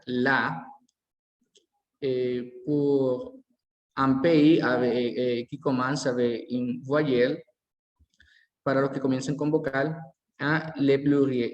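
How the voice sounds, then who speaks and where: A man teaching a language lesson, slowly repeating each word form aloud as he explains it. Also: medium pitch, a little mellow, muffled recording. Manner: slow, careful, repeats word forms aloud. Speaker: French teacher. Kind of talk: bilingual classroom lesson. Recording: echoey hall.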